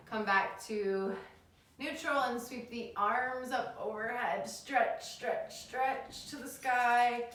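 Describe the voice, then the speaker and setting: Soothing lady yoga teacher talking people thru chair yoga, slow n gentle, super echoey room. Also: on the high side. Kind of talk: guided chair yoga class instruction. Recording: very echoey room, distant mic.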